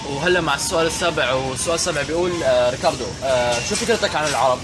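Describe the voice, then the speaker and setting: A man's voice: fairly high pitch, very fast, loud music behind the voice. A teenage boy with a Levantine Arabic accent, chatting casually and playfully as a vlog host and interviewer. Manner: playful, repeats and comments on answers. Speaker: vlogger and interviewer. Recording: noisy public place with urban sounds.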